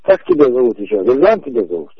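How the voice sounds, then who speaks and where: A husky man in his forties presses his point over a muffled phone line, repeating the same questions with insistent calm. His gravelly voice rises and falls in wide swings, in dry, close audio. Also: mid-range voice, fast, dry recording. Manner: insistent, repetitive, calmly emphatic. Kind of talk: heated phone conversation.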